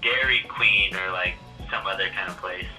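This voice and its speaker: A man's voice: sits low, normal speed, pushed and bright. A man working at a shop, talking casually to a customer through a phone speaker. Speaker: ice cream shop employee. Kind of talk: casual customer service talk. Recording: distant phone speaker, faint music.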